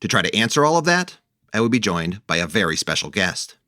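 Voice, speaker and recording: Deep, lively-voiced male podcast host. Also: fairly quick, dry recording, studio quality. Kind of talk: scripted podcast narration and interviewing.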